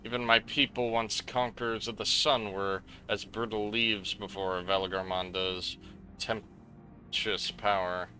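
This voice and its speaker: A man with a low, very sharp and tense voice reads game dialogue aloud on a live stream, stumbling over odd names and cursing at them. Quiet game music plays behind him. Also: little pitch movement, a little slow. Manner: reads story text aloud, stumbling over names, swearing between lines.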